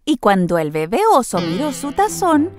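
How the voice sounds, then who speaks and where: A woman reads a scripted children's story aloud with expressive storytelling flair, her pitch fairly high and her speed normal.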